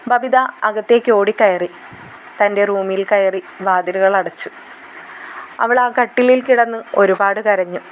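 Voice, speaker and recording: A woman retelling a TV serial episode as a measured, dramatic story. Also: mid-range voice, a little hiss or hum, poor audio. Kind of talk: emotional story narration.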